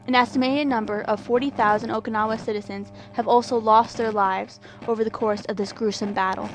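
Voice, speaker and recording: A woman's voice: fairly high pitch, close to an everyday voice. A woman playing a grave, formal 1940s wartime radio news anchor, reading a solemn scripted bulletin. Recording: noticeable background noise and hum.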